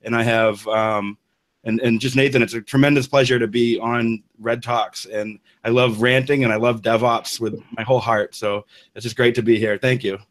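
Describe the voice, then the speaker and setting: Man, interview guest, medium pitch, eager, chatty, lots of restarts. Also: steady tone, moderate pace. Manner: enthusiastic, rambling with restarts. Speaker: guest engineer. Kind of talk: casual interview talk.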